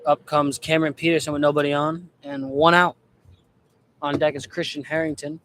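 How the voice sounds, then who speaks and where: A young man calling amateur baseball play-by-play in a relaxed, chatty way, often correcting himself. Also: a little high, normal speed, slight background noise. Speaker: play-by-play announcer.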